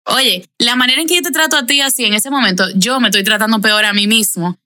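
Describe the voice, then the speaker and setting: A bright, fairly high voice from a young woman, speaking earnestly over a video call. She reflects in circling, repeated phrases with small restarts. The sound is plain video-call audio. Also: fast. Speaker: podcast guest.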